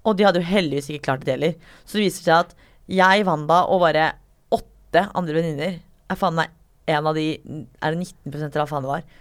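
Young woman in her 20s, storyteller, low-ish voice, swears casually, bursts into shrieks when she acts out quotes.

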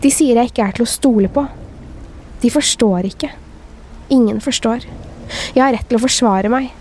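Woman, podcast host, steady horror storytelling, fairly high, soft mellow tone. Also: a little hiss or hum. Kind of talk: scripted horror story narration.

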